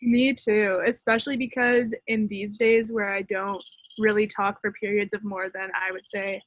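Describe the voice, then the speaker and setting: A woman's voice: medium pitch, level tone, moderate pace, poor audio. A woman in her twenties, a podcast guest speaking from home, talks casually, laughs often and pokes fun at herself. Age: 20s. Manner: self-deprecating, laughing often.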